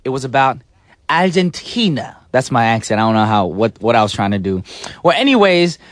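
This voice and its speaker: A man hosts a radio music show from a studio, chatting playfully in upbeat DJ patter and sometimes slipping into sung bits and silly voices. His mid-range voice is sing-song and brisk, captured on a studio microphone with no room sound.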